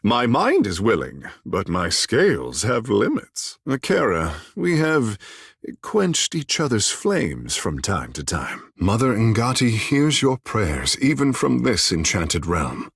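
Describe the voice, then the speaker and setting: Tekēhu, a vain, wildly expressive sea-godling. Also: male voice, mid-range voice, gravelly, husky, no room sound, clean studio sound, heavily acted. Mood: playful, flirtatious. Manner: theatrical, haughty, florid formal phrasing with tag phrases. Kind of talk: video game character dialogue.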